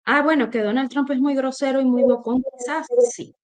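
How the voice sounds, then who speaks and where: Co-hosting a political talk, this woman from Venezuela speaks with a Venezuelan Spanish accent in a voice that sits high, with a steady tone at normal speed. She's forceful and opinionated, frequently starting her sentences over.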